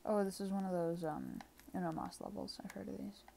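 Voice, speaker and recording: A woman's voice: medium pitch, steady tone, fairly quick, vocal fry, mellow, a little hiss or hum. A woman doing casual gameplay commentary at home, always sounding tired, offhand and rambling. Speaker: gaming channel creator. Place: home room. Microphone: desk microphone.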